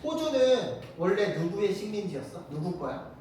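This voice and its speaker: A teacher giving a casual classroom lecture, firing quick rhetorical questions at the students. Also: medium pitch, sing-song, darkish tone, slight background noise. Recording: very echoey room, mic far off.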